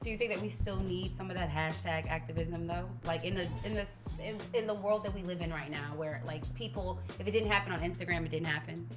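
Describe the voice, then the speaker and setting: Interviewer, woman, supportive, with a lowish voice over background music. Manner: supportive, quick affirmations. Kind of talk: casual interview.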